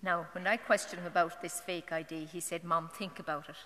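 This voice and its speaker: A middle-aged Irish woman giving a personal testimony as a mother at a parish novena, earnest and halting, with fillers and restarts. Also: on the low side, fairly even intonation, sharp tone. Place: church. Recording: long church hall reverb.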